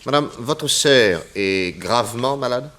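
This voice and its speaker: In a French radio drama, a male actor plays a skeptical private detective who asks questions politely but persistently. His mid-range voice is animated yet slow, with a fairly bright tone.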